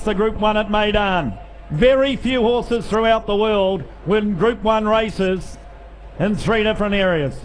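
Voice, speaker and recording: Male auctioneer, high-voiced, cajoling bidders with repetitive chanted figures, recorded over live sale noise. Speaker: livestock auctioneer. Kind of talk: rapid auction chant with bid calling and sales patter.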